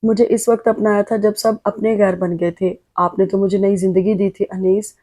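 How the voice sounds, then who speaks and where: A woman's voice: medium pitch, flat delivery, dark tone, natural voice. A woman voicing a devoted, tearful young wife. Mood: earnest. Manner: earnest, emotional.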